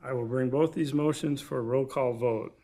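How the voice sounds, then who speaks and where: A man with a measured, gravelly delivery, speaking formally as the chair of a commission meeting. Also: mid-range voice, dark tone. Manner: measured, procedural. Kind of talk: formal procedural meeting talk. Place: public meeting room.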